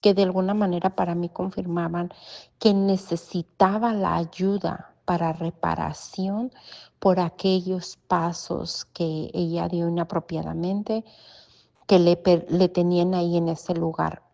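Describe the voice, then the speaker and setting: Creaky-voiced woman. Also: lowish voice, level tone, unhurried, mellow. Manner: hesitant, searching for words. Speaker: interview guest. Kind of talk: telling a personal testimony in an interview. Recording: slightly muffled audio.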